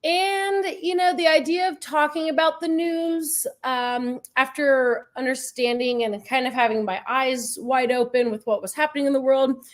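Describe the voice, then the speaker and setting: A woman's voice: sits high, steady tone, normal speed, hardly any pauses. A woman as a podcast guest, telling her story in a thoughtful, hesitant way with fillers. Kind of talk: conversational interview.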